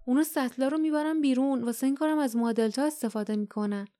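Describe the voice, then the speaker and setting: A woman voicing a brave, curious teenage boy in an audiobook, speaking quietly and quickly. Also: high-pitched, faint music behind, close to an everyday voice. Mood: tense. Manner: quiet, hurried speech.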